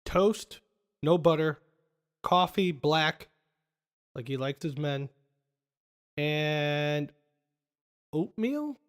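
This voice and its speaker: A man's voice: on the high side, expressive, drawn-out words, long pauses. A man hosting a casual podcast, retelling movie scenes and quoting lines with frequent laughs. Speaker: podcast host.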